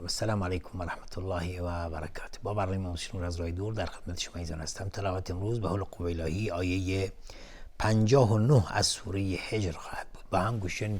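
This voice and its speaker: Calm man teaching Quran recitation. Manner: chants verses slowly in high melodic recitation, then explains rules plainly; calm, methodical, repeats each word while explaining. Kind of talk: televised Quran recitation lesson.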